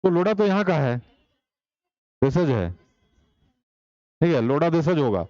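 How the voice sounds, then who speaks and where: A man's voice: on the high side, sing-song, a little slow, mellow, no echo, muffled recording. Man teaching a class, rhetorical questions. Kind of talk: online exam-prep class.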